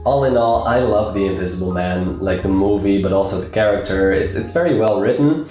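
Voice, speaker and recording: Young man, casual film vlog, rambling with repeated words, low voice, very echoey room. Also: a little fast, mellow, soft background music. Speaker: film review vlogger.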